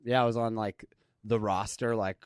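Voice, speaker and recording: A man's voice: on the low side, steady tone, normal speed, clear, resonant tone, no room sound, studio quality. A man with a slight lisp and a mixed, faintly Midwestern American accent, chatting as a podcast guest and joking at his own expense. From Seattle and New York, USA. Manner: self-deprecating, laughs through his lines. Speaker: guest comedian and skateboarder. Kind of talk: casual podcast chat.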